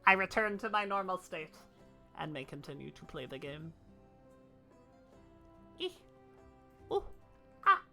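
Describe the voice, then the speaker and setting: A woman's voice: lowish voice, animated, a little slow, long pauses, over music. A woman livestreaming a game, chatting casually to her viewers in a playful, cute streamer manner with exclamations. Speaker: livestream host playing an online game. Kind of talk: casual livestream chat with squeals and read-aloud game dialogue.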